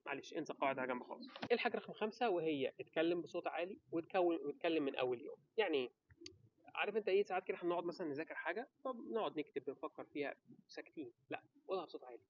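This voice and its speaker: An Egyptian man with an Egyptian Arabic accent gives casual advice to camera, animated and talking straight to the viewer with quick rhetorical questions. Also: fairly high pitch, highs cut off. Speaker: vlogger giving advice.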